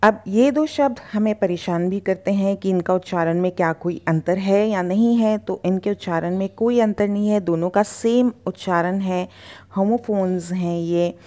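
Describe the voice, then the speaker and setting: Woman, English pronunciation tutor, lowish voice, very slow, draws out each word. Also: warm tone. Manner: repeats words slowly, drawing out sounds.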